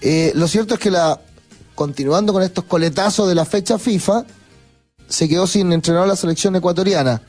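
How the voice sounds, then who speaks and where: A man hosting a sports panel, steering the casual debate along briskly. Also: high-pitched, a little mellow, soft background music.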